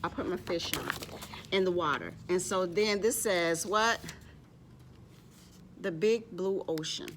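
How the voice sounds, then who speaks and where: Taking it slowly with long pauses, a woman with a fairly low pitch tells stories and shows crafts to young children at a library storytime. She often names herself in the third person, and background noise is present.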